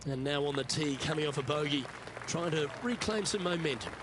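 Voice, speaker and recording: Over loud crowd noise, an actor plays a male golf commentator with a slightly high voice. He calls each shot as it happens for a golf game and is encouraging to the players. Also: fairly quick, close to an everyday voice. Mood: encouraging, engaged. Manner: golf commentator calling shots as they happen. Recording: very noisy, loud crowd ambience behind. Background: loud crowd and outdoor noise.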